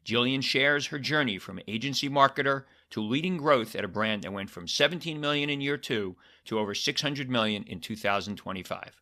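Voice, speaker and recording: A man's medium-pitched voice comes across as animated, bright, and forceful, moving fairly quickly with few pauses. As a podcast host, he reads a lively scripted intro, then interviews a guest casually, occasionally hesitating with filler words.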